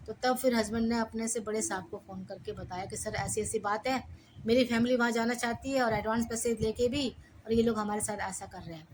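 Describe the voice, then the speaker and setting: A woman's voice: fairly high pitch, slight background noise, rough recording. Middle-aged woman telling a personal story. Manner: lively retelling, acting out quoted dialogue.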